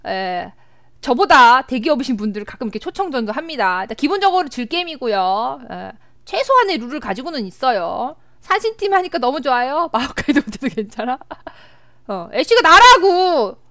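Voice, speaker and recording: A young woman streaming a game live, chatting with viewers and her team in an excitable, talkative way. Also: sits high, a little fast, no echo, clean studio sound.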